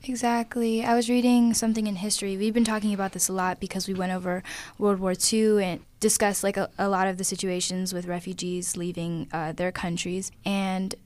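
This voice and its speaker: A woman's voice: mid-range voice, flat delivery, a little fast, a little mellow. A teenage girl co-hosting a youth radio show in a studio, reading a prepared story and then discussing it earnestly. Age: teens. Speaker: student co-host. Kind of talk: scripted news segment and discussion.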